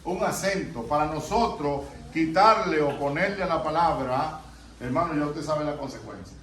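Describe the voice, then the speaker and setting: During an evening vigil in church, a male pastor leads an interactive sermon with congregation reading, asking questions and repeating his listeners' answers. His voice is fairly high and a bit bright at a moderate pace, recorded with a distant mic in an echoey church with background noise.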